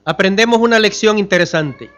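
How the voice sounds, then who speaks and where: A man preaching a sermon as pastor, asking the congregation questions and swinging from loud emphatic lines to hushed ones. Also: sits high, a little fast, highs cut off, slight background noise. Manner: addresses the congregation as brothers.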